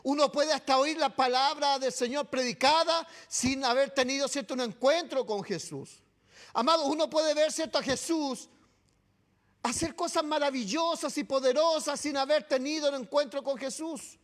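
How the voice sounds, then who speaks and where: Man, Chilean accent, very high pitch, preaching in church, calls listeners beloved. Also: normal speed. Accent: Chilean Spanish. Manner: keeps adding "¿cierto?" and "amado" to address the congregation. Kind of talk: sermon.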